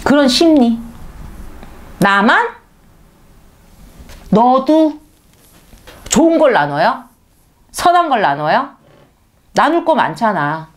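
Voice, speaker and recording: Animated woman preaching conversationally. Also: unhurried, pauses often. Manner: conversational, asks listeners rhetorical questions; animated, pitch leaps for emphasis. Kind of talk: sermon.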